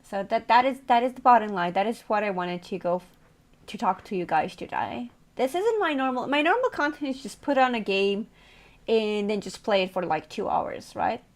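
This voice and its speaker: A woman's voice: mid-range voice, expressive, moderate pace. A woman streamer chatting casually with her viewers, playful and teasing, laughing often.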